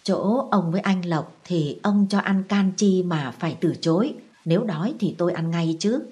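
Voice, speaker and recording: A proud old lady of rank, voiced by a woman reading a storybook, formal and probing behind a show of friendliness. The voice is low and mellow. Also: normal speed, breathy edge. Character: elderly mandarin's widow, proud, scheming mother.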